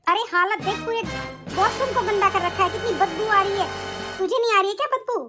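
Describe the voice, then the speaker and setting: A woman voicing a harsh, bossy middle-aged mother-in-law who taunts and scolds in an animated story. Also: very high voice, brisk, music in the background. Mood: scolding.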